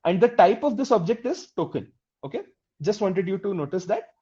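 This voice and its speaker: A teacher with a mellow, relaxed voice leads a live online coding class and walks through each step patiently. They keep checking that the class is following and put questions to the students. The audio sounds dull and lo-fi. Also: mid-range voice, brisk. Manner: explains step by step, often checking in with "okay?" and "right?"; addresses the class directly with questions. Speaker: instructor.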